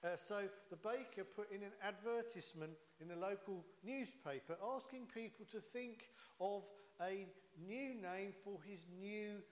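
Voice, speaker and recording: A man with a Yorkshire accent preaching a sermon in a chatty, folksy way, often pausing with "uh". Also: sits high. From Yorkshire, England. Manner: chatty, folksy, with jokes and frequent "uh". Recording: echoey hall.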